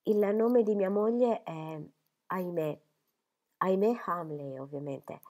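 A woman reading a quiet, ailing young man. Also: fairly low pitch. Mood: confiding. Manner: quiet, slow, subdued. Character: pale, ailing young man confiding a secret.

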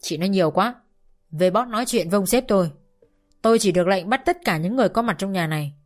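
Woman doing a gruff armed cop, snaps and swears at everyone. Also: medium pitch, animated, fast talker, soft background music, close to an everyday voice. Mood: threatening. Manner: curt, threatening, swearing. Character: harsh middle-aged male police officer with a gun.

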